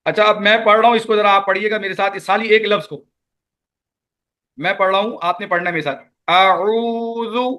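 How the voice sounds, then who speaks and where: A man teaching Quran recitation in an online class, with a Pakistani Urdu accent, patiently repeating sounds slowly for students to echo. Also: high-pitched, steady tone, pushed and bright.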